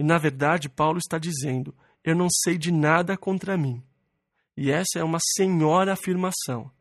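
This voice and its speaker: A man's voice: on the high side, no echo, studio quality. A man preaching an expository Bible sermon, reading verses and then explaining them plainly, sometimes acting out quoted complaints in first person.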